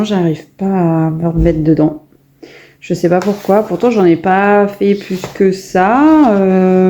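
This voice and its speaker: In a casual show-and-tell vlog, a woman with a mellow, mid-range voice shows off her finished coloring pages. She's chatty, hesitating and restarting often, and there's a little hiss or hum in the recording.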